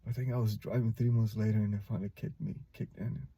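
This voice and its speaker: A man talks to his viewers in a deep, mellow voice with a husky, breathy edge. He speaks haltingly and somberly, stopping often and filling the gaps with hesitations. He sounds like a father sharing a hard personal memory. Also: little pitch movement, no room sound. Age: adult, a father. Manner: halting, somber, many pauses and fillers. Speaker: vlogger. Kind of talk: personal recollection to camera.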